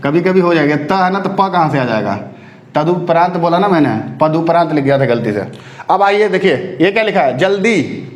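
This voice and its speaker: A man teaching an exam-prep spelling lesson, drawing words out slowly and often asking if students follow. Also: on the high side, animated, reverberant. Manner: repeats words slowly to drill pronunciation; keeps checking if students follow.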